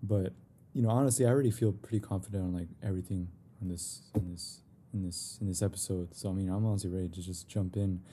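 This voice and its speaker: A man's voice: low voice, fairly even intonation, quick pace, hardly any pauses, dark tone, slight background noise. A young man hosting a podcast in casual chat, laid-back and rambling, often saying "you know". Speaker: podcast host.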